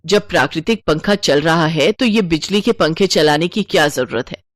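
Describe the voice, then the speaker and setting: Cartoon story: stingy bossy mother-in-law, voiced by a woman, low and stern. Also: moderate pace, dry recording, clean studio sound, natural voice. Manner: scolding, penny-pinching nagging.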